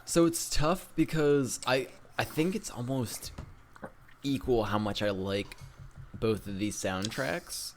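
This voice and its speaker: A male podcast co-host chatting casually with friends. He talks very slowly, filling his sentences with ums and uhs and letting his thoughts trail off. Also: medium pitch, a little hiss or hum. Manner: unhurried, lots of fillers and trailing thoughts. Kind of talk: casual chat.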